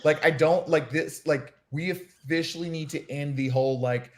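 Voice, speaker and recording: A man in casual chat, ranting in an animated way with many restarts. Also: a little high, moderate pace. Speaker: podcast co-host.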